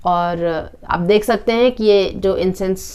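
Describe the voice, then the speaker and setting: Woman, product reviewer, casual demo, calm, unhurried, some fillers, mid-pitched. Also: clear, resonant tone.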